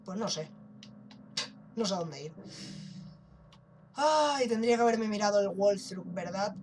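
A man's voice: high voice, a little slow, a little hiss or hum. A young man with a Spain Spanish accent, chatting and joking casually while commenting on his gameplay, with the odd swear. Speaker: gaming YouTuber. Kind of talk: let's play commentary. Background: game music.

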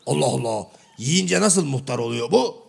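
Man voicing a shadow-play clown, male, middle-aged, gravelly, husky, bouncy lively pitch, mishears everything. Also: moderate pace, full character voice. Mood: mock-innocent. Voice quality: gravelly, raspy. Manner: mishears everything and answers with cheeky misunderstandings. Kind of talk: comic shadow-play sketch.

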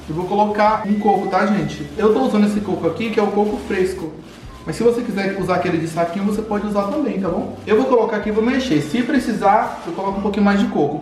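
A high-voiced man in his thirties demonstrates a recipe in his home kitchen, keeping up a chatty patter with his viewers. The kitchen gives the sound a noticeable echo, and light music plays underneath. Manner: chatty, talks to viewers with tag questions. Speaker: cooking vlogger. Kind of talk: casual cooking demonstration. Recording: echoey kitchen.

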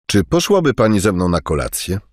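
A man reading short phrases for learners in a measured, matter-of-fact way in a language lesson. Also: sits low, big pitch swings, no room sound, studio quality. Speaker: Polish phrase reader.

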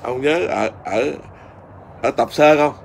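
A middle-aged Buddhist monk with a Southern Vietnamese accent, telling a story in an easy conversational way. He rambles, restarts and fills pauses as he goes, at an ordinary pitch for a man. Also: vocal fry, slight background noise. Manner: rambling, with many fillers and restarts.

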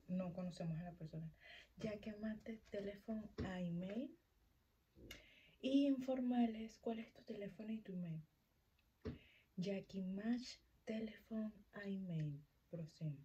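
Slow, mellow-voiced woman teaching vocabulary. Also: medium pitch, a little hiss or hum, low-quality recording. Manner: slow, careful repetition of foreign words. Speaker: language learner sharing vocabulary. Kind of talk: casual vocabulary lesson.

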